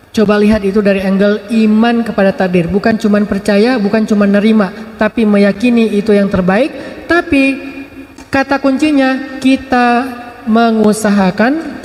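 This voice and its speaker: A man's voice: sits high, a little mellow, echoey room, in a large hall. A man giving a sermon, telling stories with acted dialogue in a casual, playful way. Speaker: preacher.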